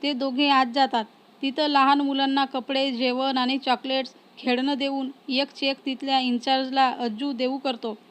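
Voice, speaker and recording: A woman narrating a romance story in a calm, measured reading. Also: sits high.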